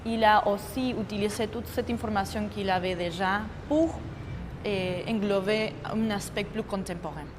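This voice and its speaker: An Argentine choreographer, a native Spanish speaker, gives interview testimony about her dance work, speaking slowly and haltingly with many fillers as she searches for words. Her pitch is ordinary and her tone steady, heard through a long hall reverb over a faint ambient hum.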